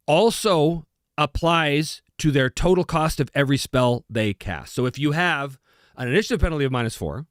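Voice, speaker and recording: A man's voice: medium pitch, no room sound, studio quality. A man hosting a live stream, chatting casually and reading out viewer comments, often laughing and restarting his sentences.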